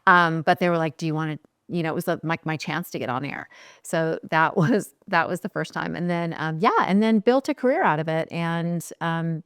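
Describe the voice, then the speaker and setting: A chatty woman in her forties from California, with a low, smooth voice. She talks casually as an interview guest and laughs easily. The sound is dry and close. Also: moderate pace, no echo. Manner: chatty, laughing, many fillers. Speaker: guest, skincare founder.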